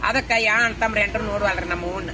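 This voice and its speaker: A folk artist with a North Karnataka Kannada accent, earnestly telling rambling stories in a casual interview and politely addressing the host. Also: male voice, sits high, fairly even intonation, fast talker, background noise. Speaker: folk artist and hired mourner.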